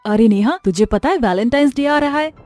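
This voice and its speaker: A woman's voice: a little high, animated, brisk, a little mellow, soft background music, lightly acted. A woman voicing an eager, chatty young friend in a storybook tale. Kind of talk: storybook voice acting.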